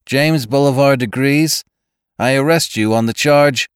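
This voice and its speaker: A man voicing a stern male police robot that recites charges in a flat, officious way. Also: medium pitch, a little slow, clear, resonant tone, no echo, clean studio sound, lightly acted.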